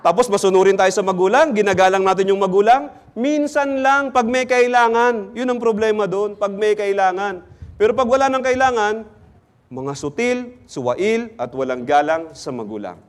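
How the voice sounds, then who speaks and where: A man's voice: high voice, expressive, normal speed. A man preaching in church, quizzing the congregation and teasing them with jokes. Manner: questions the congregation, teasing and jokey. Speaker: pastor. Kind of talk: interactive sermon.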